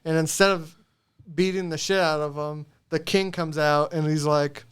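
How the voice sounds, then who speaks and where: A man's voice: on the high side, fairly even intonation, moderate pace, clear, resonant tone. A man co-hosting a podcast, casually recapping a movie, rambling, swearing and laughing as he goes. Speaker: podcast co-host.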